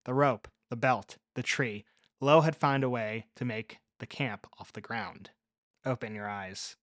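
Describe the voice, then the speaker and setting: A man narrating a story in the first person with a measured, even read. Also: medium pitch, no echo, clean studio sound.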